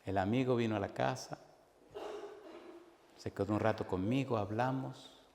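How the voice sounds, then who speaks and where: A man's voice: fairly low pitch, moderate pace. Storytelling man preacher in a reverberant hall. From Caribbean Spanish-speaking country. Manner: animated storyteller acting out dialogue. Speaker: pastor. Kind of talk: sermon with storytelling. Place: church hall. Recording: long hall reverb, faint noise.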